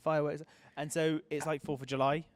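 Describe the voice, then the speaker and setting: Host: English guy, late thirties, relaxed banter, dry close sound. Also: a little high, brisk, no room sound. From England. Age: 30s. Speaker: podcast host. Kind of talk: casual chat.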